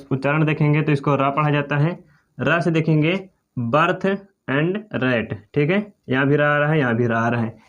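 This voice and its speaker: Man, from India, English teacher, slightly high voice, slow and repetitive. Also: dull audio. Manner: slow, repetitive, often says "okay" and "clear". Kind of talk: classroom pronunciation lesson.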